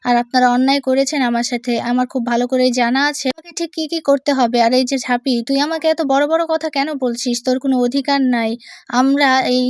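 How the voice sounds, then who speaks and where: A woman's voice: high-pitched, steady tone, fast talker, no room sound, studio quality, natural voice. A woman reading out the lines of a scheming, arrogant young man in a boastful, threatening way.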